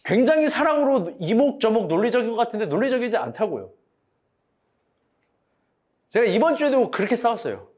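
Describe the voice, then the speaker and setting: A man's voice: very high voice, sing-song, fairly quick, pauses often, a little mellow, muffled recording. A young man preaching a sermon in a casual, joking way, asking his congregation direct questions and acting out quoted arguments.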